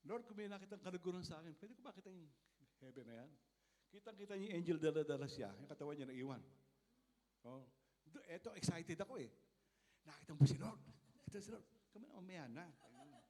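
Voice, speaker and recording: A man with a Filipino accent, a pastor preaching a sermon, telling stories with animated acted-out dialogue and laughter. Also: on the high side. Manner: animated storytelling, acting out dialogue, frequent laughs. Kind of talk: sermon with storytelling.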